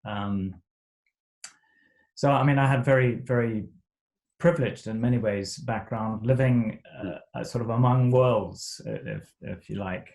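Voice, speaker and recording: A middle-aged Zimbabwean man who grew up speaking both Shona and English tells his life story as an interview guest. He speaks haltingly, with many fillers and restarts. His voice is mid-range and darkish, and the recording quality is low.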